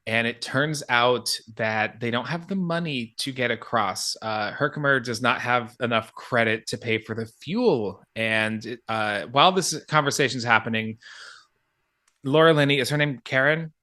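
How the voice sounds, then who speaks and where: A man hosting a podcast, casually retelling a film's plot in an animated way, swearing and laughing as he goes. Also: mid-range voice, normal speed. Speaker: podcast host. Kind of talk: casual movie recap chat.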